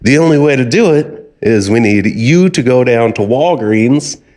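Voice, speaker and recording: A man voicing a smooth-talking male scam caller with a fake-polite, pushy manner. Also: medium pitch, expressive, normal speed, a little mellow, voice pushed up, natural voice. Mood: insistent.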